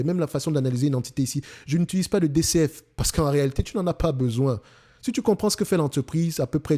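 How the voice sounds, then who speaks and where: A man's voice: medium pitch, mellow. A man with a Cameroonian French accent, hosting an investing channel in an emphatic casual monologue, often restarting and repeating himself.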